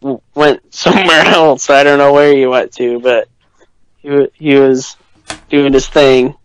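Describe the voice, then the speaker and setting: A man's voice: medium pitch, steady tone, a little slow, clear, resonant tone, no room sound, poor audio. A man guesting on a podcast, chatting casually about rock bands and rambling with lots of "like" and restarts.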